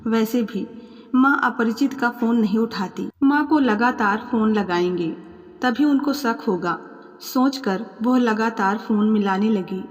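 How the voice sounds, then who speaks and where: A woman storyteller reading a moral family story in a calm, measured, expressive narration. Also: on the high side, long reverb tail.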